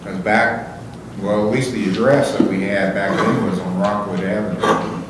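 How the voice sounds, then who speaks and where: In a very echoey courtroom with faint noise, a man acting as judge questions a defendant in a formal, matter-of-fact, procedural manner. His voice is lowish, with fairly even intonation and a moderate pace.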